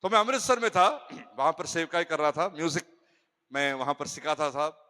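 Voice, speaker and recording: A male pastor giving a humorous sermon, telling stories with lively jokes and interjections. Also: fairly high pitch, normal speed. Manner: animated storytelling with jokes and interjections. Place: church hall. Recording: echoey church hall.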